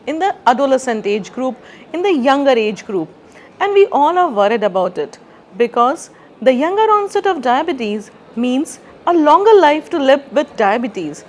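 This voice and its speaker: A middle-aged woman doctor from India, giving a clear, prepared talk as a consultant endocrinologist. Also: high-pitched, a little hiss or hum. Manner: clear, explanatory lecturing.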